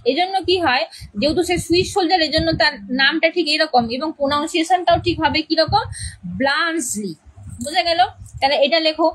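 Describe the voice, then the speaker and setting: High-voiced woman teaching a lesson. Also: a little fast, a bit bright, low-quality recording. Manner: repeats key words and checks understanding with questions. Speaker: English teacher. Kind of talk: lesson explaining a play's characters.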